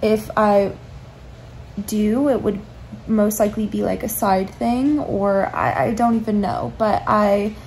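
A twenty-something vlogger lying in bed speaks slowly into a phone camera at arm's length, musing softly and wandering from topic to topic about her life. Her voice is medium in pitch, and the low-quality recording carries a bit of hiss or hum.

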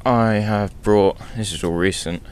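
A man's voice: fairly low pitch, steady tone, unhurried, noisy background. A hungover young man talking offhand and chattily, casually showing his kit as a motorcycle vlogger. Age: young adult. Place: small bedroom indoors.

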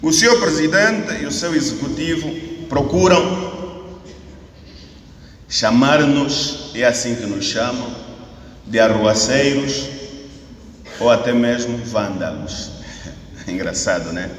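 An opposition party spokesman in his thirties, with an Angolan Portuguese accent, gives a press statement from a podium in an indoor hall, using rhetorical questions and repeated phrases and building to shouts. He speaks slowly at a medium pitch with long pauses, sounding far off. The podium mic on a stand and distant camera yield an echoey recording with faint ambient noise.

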